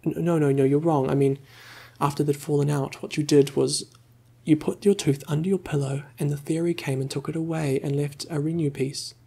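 Whispered role-play, a man doing a naive eager tourist, gravelly, husky, slightly higher. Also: flat delivery, brisk, hardly any pauses, mellow. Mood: earnest.

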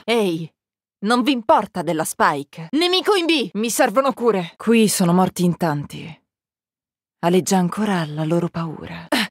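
A woman's voice: fairly high pitch, no echo. An actress voicing a menacing young woman agent in a video game, with cold, taunting, clipped callouts, recorded dry on a close studio mic. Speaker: voice actress dubbing a game character. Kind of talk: game voice lines.

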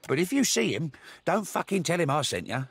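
A man voicing a crude, swaggering pirate in a video game, gruff and teasing. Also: on the high side, very animated, fairly quick, full character voice. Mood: sly.

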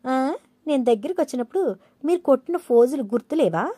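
A woman voicing a feisty, witty young wife who answers back with sharp retorts. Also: high-pitched, animated, breathy edge, no room sound, voice pushed up. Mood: retorting. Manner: quick, sassy retorts.

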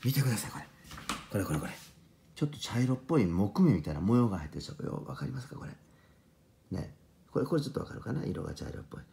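A low-voiced man talks softly so he won't wake the neighbours, his gravelly tone rising and falling as he shows off a piano. His voice is mellow and dark, and quiet piano notes sound behind him. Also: sing-song, fast talker, long pauses, roomy sound, a little hiss or hum. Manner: speaking quietly, half-whispered, on purpose. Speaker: piano shop owner presenting a piano. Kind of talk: hushed late-night product demo. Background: soft piano playing.

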